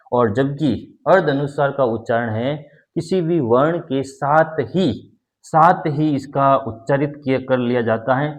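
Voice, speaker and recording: A man gives a classroom-style grammar lesson in a mid-range voice. He explains step by step and repeats his key points. He pauses to sound out example words. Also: mid-range voice. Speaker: teacher.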